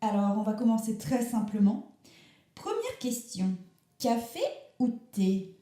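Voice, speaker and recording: An earnest young radio interviewer, played by a woman in a comic radio sketch. She asks her questions in a mock-formal, teasing manner. Her tone is mellow and the recording is roomy. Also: fairly high pitch, sing-song, unhurried, pitched below the performer's own voice.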